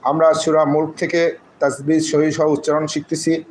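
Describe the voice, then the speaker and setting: A man teaching Quran recitation, breaking words into single syllables and drawing out the recited phrases. His voice sits a little high and stays flat in pitch. A faint hiss runs underneath. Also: low-quality recording. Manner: slow syllable-by-syllable drilling, drawn-out recited phrases. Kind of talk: spelling out Arabic letters and vowels, then explaining.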